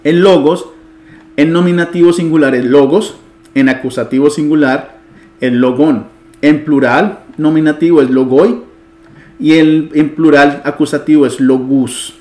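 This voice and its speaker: Patient Greek tutor, male, higher voice, echoey room. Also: steady tone, measured pace, a little mellow. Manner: patient, asks students questions and answers them; chuckles now and then. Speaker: Biblical Greek teacher. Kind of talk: online language lesson.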